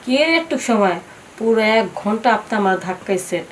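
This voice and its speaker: A woman's voice: mid-range voice, brisk, lightly acted. An actress playing a worried village wife in debt, pleading politely with her lender. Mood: defiant. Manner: pleading, polite, addresses him as brother. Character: indebted village wife, anxious then defiant. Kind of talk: TV drama acting. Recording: distant mic with faint noise.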